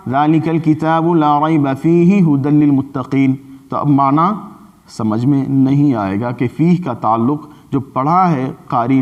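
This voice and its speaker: A mid-range male voice with an Indian Urdu accent leads a Quran recitation lesson inside a mosque. He explains things patiently and slows to chant his examples, and the sound is lo-fi.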